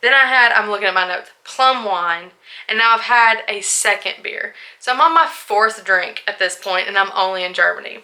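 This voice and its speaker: A woman's voice: medium pitch, normal speed, bright, forceful tone. A young woman chatting candidly in a casual vlog, a little tipsy, full of asides and likes. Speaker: vlogger.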